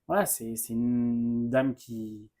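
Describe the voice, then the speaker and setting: A shop co-host opens card packs in a casual unboxing, playful and hesitant and laughing often. His medium-pitched voice is mellow, with a flat delivery and a slow pace.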